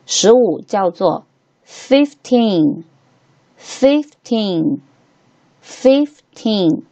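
Working through a textbook lesson for English beginners, this woman slowly and patiently repeats each word three times. Her voice is lowish, expressive, and a little mellow.

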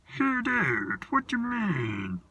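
A man voicing the friendly king of the gold creatures in a high, squeaky, drawn-out voice, heard a little away from the mic. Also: wildly swooping pitch, pushed and bright, breathy edge, no room sound, heavily acted.

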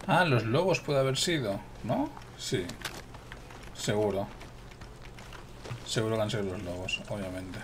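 A man's voice: lowish voice, unhurried, long pauses, background noise. A man from gives chatty, exclamatory commentary while playing a video game and talking to his viewers. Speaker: gameplay streamer. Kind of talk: casual gameplay commentary.

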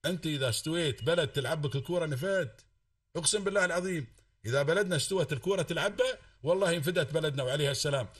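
A man with an Emirati Arabic accent, his voice a little high and slightly rough, lectures fervently on a call-in, speaking extremely fast and swearing oath after oath to drive his point home. He's far from the mic in a dry room with no echo.

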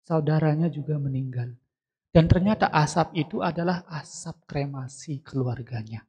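Speaking at normal speed, this male Buddhist monk has a fairly high-pitched voice that's a bit mellow and husky. He's telling a story in a sermon and asks the listeners questions directly; the temple hall recording sounds dull and lo-fi.

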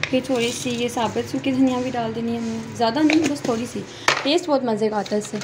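Speaking fast in a steady tone on the high side, a woman gives chatty cooking directions step by step to viewers from her home kitchen. She records on a phone held in her hand. The clip is very noisy, with loud frying sizzle and stirring behind her.

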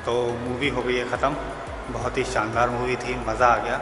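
A man's voice: medium pitch, little pitch movement, moderate pace, over loud music, low-quality recording. A man in his thirties vlogging casually as he travels, talking straight to his viewers, recorded in a car on an action camera held at arm's length. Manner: chatty, addresses viewers directly. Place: inside a car on a highway. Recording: road and car noise behind.

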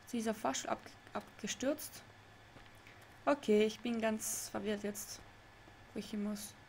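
A woman's voice: medium pitch, fairly even intonation, unhurried, gravelly, darkish tone, slight background noise. A young woman streaming a game live, chatting with her chat, laughing often and getting confused. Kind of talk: live let's play with chat reading. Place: home room.

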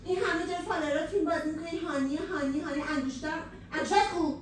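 A woman's voice: very high voice, steady tone. A woman caught in a hidden-camera prank, accusing and outraged. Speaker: prank target. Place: indoor bedroom. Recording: echoey room, distant hidden mic, faint noise.

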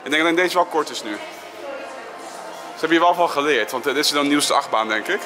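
A man's voice: on the high side, expressive, normal speed, music in the background. A man vlogging casually and giving informal, opinionated commentary while walking around outdoors.

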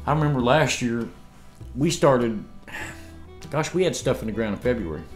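Seated at his dining room table at home, a homesteading vlogger in his fifties chats casually while a camera films him from across the table. His medium-pitched voice is animated at normal speed, with faint music behind. He rambles from story to story, with laughter and restarts.

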